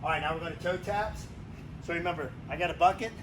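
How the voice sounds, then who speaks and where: A man's voice: fairly high pitch, quick pace, distant mic. Barking male gym coach, noisy recording. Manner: energetic, exercising while instructing. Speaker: fitness coach leading a workout. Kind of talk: instructional circuit workout coaching. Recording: noisy room with gym ambience.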